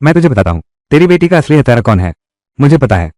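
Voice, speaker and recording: A man's voice: mid-range voice, big pitch swings, fast talker, darkish tone, no echo, lightly acted. A man dubbing a menacing tough guy in a revenge drama, with a threatening, confrontational delivery in a close studio recording. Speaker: dubbing voice actor. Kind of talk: Hindi dub of a live-action drama.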